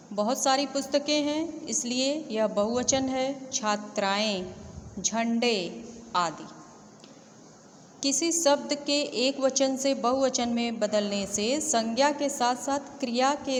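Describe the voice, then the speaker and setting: Female schoolteacher, online class for kids, slow and patient, slightly high voice, long reverb with faint hiss. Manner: slow, patient explaining with repeated examples. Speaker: Hindi teacher. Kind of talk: online grammar lesson for children.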